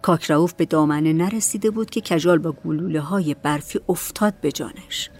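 A woman narrating a novel in a calm, measured voice. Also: deep voice, soft background music. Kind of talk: storybook narration.

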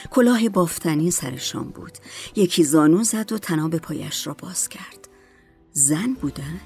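Woman, audiobook narration, calm, measured, lowish voice, faint music.

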